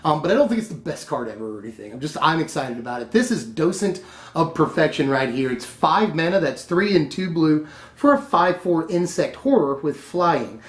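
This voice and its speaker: A man with a fairly high voice chats casually through a card-spoiler review and laughs at himself often. The room around him rings with echo. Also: animated, brisk. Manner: chatty, laughs often, self-correcting. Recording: echoey room.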